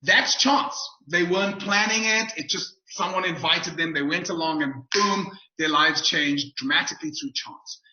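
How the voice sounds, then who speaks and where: A man's voice: high voice, normal speed, hardly any pauses, pushed and bright. A man giving an upbeat, emphatic webinar talk as a motivational speaker, repeating his key phrases over a video call. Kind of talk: webinar presentation. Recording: roomy, dull video call audio.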